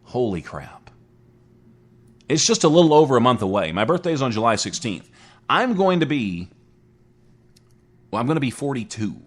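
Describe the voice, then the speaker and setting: A man in his forties hosts a solo internet radio talk show, chatty, rambling and poking fun at himself. His mid-range voice is sing-song at a normal speed, and he pauses often.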